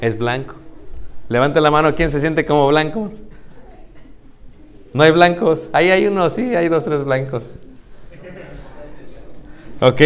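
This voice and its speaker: A young man preaching, lively, acting out church members in little voices. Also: fairly high pitch. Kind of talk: lively sermon to young people. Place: church hall.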